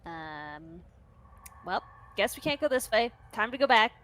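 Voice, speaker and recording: A woman's voice: medium pitch, lively intonation, a bit bright, a little hiss or hum. A woman voicing a spunky, playful young cat-folk monk. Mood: dismayed. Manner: bubbly, playful, quick to laugh.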